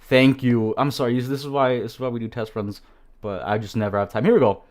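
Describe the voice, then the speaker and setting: A man's voice: mid-range voice, steady tone, fast talker. A man hosting a casual livestream, chatty and apologetic, laughing often as he talks with guests. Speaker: livestream host. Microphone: desk mic.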